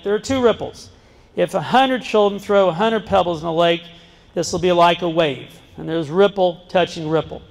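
A middle-aged guest speaker with a fairly high, creaky voice addresses rows of seated students in a large school gym through a handheld microphone. He talks earnestly and jokes with the audience, sometimes breaking off to restart a line. His words carry a long, lingering reverb through the hall.

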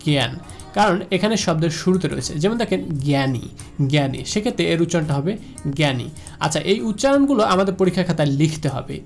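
A man's voice: a little high, darkish tone. A man with a Bangladeshi Bengali accent giving a slide lecture, repeating each rule and asking the listener questions. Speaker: teacher. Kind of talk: slide lecture on pronunciation rules.

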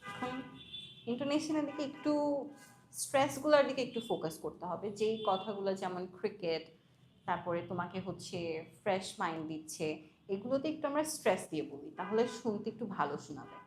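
A woman with a Bangladeshi accent teaching spoken English, patiently correcting students and slowly modelling phrases. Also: mid-range voice, lively intonation, a little mellow, echoey room. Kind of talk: language coaching in class.

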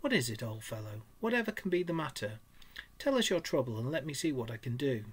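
A man's voice: mid-range voice, big pitch swings, breathy edge. A man doing a hearty, kindly water rat. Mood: sympathetic. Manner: sympathetic, brisk and cheering. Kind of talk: storybook reading.

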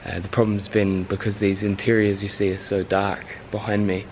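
This man, a travel photography vlogger, casually and enthusiastically narrates to a handheld camera at arm's length while exploring outside and within large abandoned factories. His voice sits on the low side, barely moving in pitch, at normal speed and a bit mellow; the recording is rough with slight background noise.

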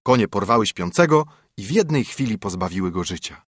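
A man reading a fairy tale aloud, expressive storybook narration on a close mic. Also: fairly low pitch, a little fast, no room sound.

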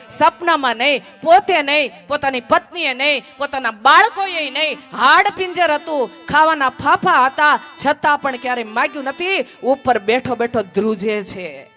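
A woman's voice: high voice, normal speed, sharp tone, faint music behind. A woman telling a devotional story at a village religious gathering, acting out the dialogue with dramatic swells and drops.

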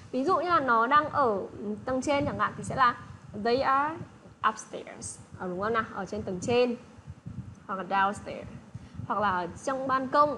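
A woman's voice: a little high, bright, forceful tone, slight background noise, rough recording. Patient woman teaching English to kids. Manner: patient, repeats checks like "được chưa". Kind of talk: online English lesson for children.

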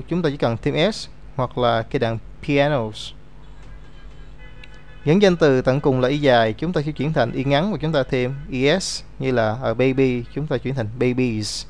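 A man's voice: mid-range voice, darkish tone. A man teaching an English grammar lesson, explaining rules step by step and reading out example words.

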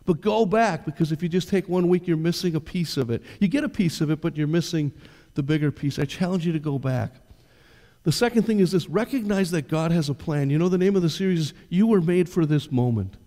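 An older pastor gives a sermon conversationally from the stage of a church, putting questions straight to the congregation. His voice is a little high and mellow, echoing with the hall's long reverb.

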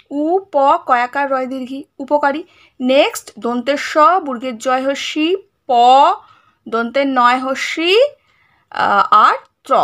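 A woman's voice: high voice, sharp tone. A woman teacher going through a primary-school lesson, spelling out words letter by letter and asking check questions again and again. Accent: Bengali.

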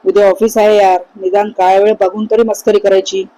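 A woman voicing a joking young flatmate. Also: mid-range voice, brisk, natural voice, rough recording. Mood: teasing. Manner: easygoing, joking. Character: young man, calm, teasing flatmate.

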